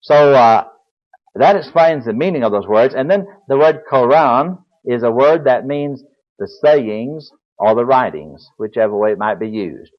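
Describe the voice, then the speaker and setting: A man's voice: medium pitch, animated, unhurried. An older man preaching a Bible lecture, explaining in a folksy way and spelling words aloud. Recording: dull lo-fi recording.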